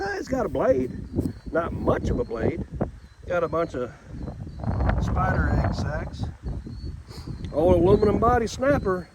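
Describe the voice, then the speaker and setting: A man chatting in a folksy, rambling, joking way for a casual comedic vlog, recorded outdoors in a rural yard. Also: high voice. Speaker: video creator. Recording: loud outdoor background noise.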